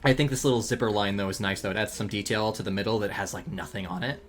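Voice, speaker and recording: A man chatting casually while drawing on a livestream, relaxed and rambling, thinking aloud with ums and laughs. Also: on the low side, quick pace, soft background music. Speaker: streamer and animator.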